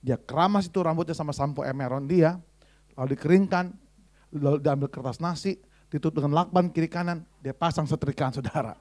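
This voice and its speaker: A man with a fairly high voice preaching a sermon. He talks in a chatty, teasing way, tells funny stories and keeps putting questions to the congregation. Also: brisk, a little mellow. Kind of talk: sermon with humorous anecdotes.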